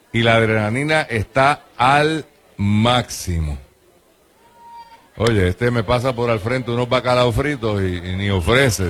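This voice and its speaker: A man's voice: medium pitch, a bit bright. A man hosting a show, joking with guests and reading live ads in a playful way. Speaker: host. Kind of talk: radio-style chat and live ad reads.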